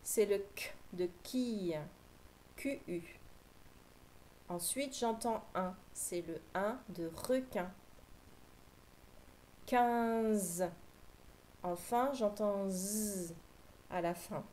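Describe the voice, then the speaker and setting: Woman teacher, mellow, unhurried; patient phonics drill for small kids, faint hiss behind. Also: medium pitch, poor audio. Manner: slow, clear, patient dictation. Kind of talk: phonics lesson for young children.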